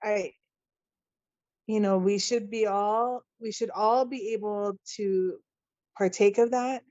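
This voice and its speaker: A woman in her forties speaks as a podcast guest, earnest and impassioned, stumbling into restarts as she works her thoughts out. The sound is dull and lo-fi, and very dry. Her pitch sits in an ordinary middle range. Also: fairly even intonation, takes it slowly, darkish tone, dry recording. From Hawaii. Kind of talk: casual podcast interview.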